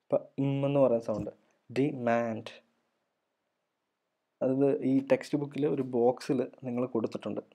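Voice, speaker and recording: A man giving a recorded college lecture, sounding out words slowly syllable by syllable. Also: mid-range voice, fairly even intonation, dark tone. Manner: slow, drills words syllable by syllable. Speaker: college English teacher.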